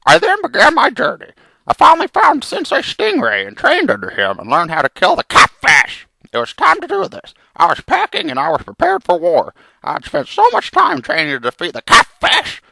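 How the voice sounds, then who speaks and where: A man voicing a melodramatic, vengeful frog hero in theatrical comic storytelling, with a gravelly cartoon-like voice. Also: extremely high pitch, pushed and bright, no echo, full character voice, poor audio. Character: melodramatic, vengeful male frog hero telling his journey.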